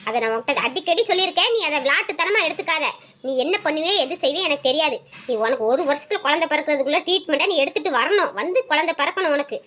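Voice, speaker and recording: A woman's voice: high-pitched, fast talker, sharp tone. A woman voicing a harsh, domineering mother-in-law who scolds her daughter-in-law in a family drama skit. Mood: scolding.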